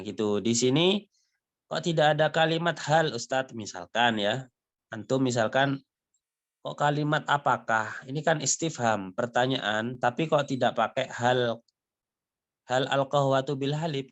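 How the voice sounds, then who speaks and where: A man's voice: mid-range voice, a bit bright. Patient male language teacher. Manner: explains patiently, often ending phrases with "ya" and "gitu"; reads foreign dialogue lines aloud, then translates. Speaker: Arabic teacher. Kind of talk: online language lesson.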